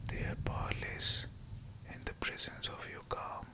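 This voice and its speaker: Slow whispered pep talk from a man. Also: pushed and bright. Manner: whispering throughout, slow and deliberate with short phrases. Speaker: guided affirmation narrator.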